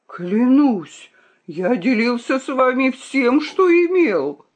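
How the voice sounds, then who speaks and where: A woman's voice: high-pitched, very animated, takes it slowly, a little mellow, pitched above the performer's own voice, full character voice. A woman voicing an old veteran rooster, modest and fatherly, who frets and pleads earnestly in a storybook reading. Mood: fretful.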